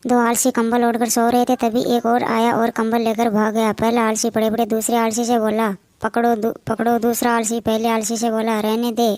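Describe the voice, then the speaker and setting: Woman reading jokes, kinda high and really flat, hiss in the background. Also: normal speed, hardly any pauses.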